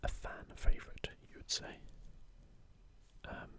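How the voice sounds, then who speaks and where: Softly and without hurry, a male gaming ASMR creator whispers breathy, unvoiced commentary in a gentle, casual style. He also reads passages aloud.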